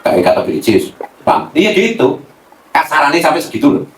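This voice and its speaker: Animated cleric speaking from afar. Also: male voice, on the high side, a little fast. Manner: animated, mixes Javanese slang, laughs often. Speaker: Islamic cleric. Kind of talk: casual religious talk. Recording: roomy, from a distance, faint noise.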